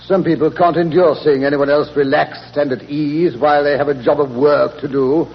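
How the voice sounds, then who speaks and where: An actor playing a genial, fussy older English doctor who narrates and bickers in 1940s radio drama style. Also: male voice, on the high side, fairly even intonation, normal speed, husky. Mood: indignant, defensive. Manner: avuncular, fussy, indignant when teased. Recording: muffled, noisy old 1940s radio recording.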